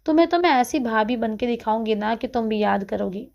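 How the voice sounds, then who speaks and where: A woman's voice: on the high side, lively intonation, vocal fry, a little mellow, dull audio. A woman voicing a bold, hot-tempered young woman in a story, speaking sharply and bossily. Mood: threatening.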